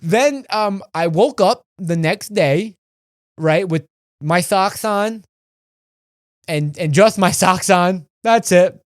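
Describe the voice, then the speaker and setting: A man's voice: sits high, takes it slowly, dry recording, studio quality. A young man in his twenties, a podcast co-host telling a rambling, profane story in casual chat.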